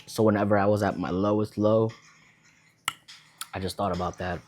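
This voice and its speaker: A man's voice: lowish voice, fairly even intonation, moderate pace, a little mellow, a little hiss or hum. A young man who grew up in Vietnam, chatting casually in a laid-back, rambling way while eating at home. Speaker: vlogger. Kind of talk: casual eating vlog chat.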